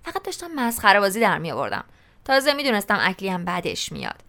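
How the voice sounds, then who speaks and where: A woman's voice: medium pitch, very animated, gravelly, a bit bright. A woman narrating a novel in the first person, in a colloquial, conversational storytelling style. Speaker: audiobook narrator.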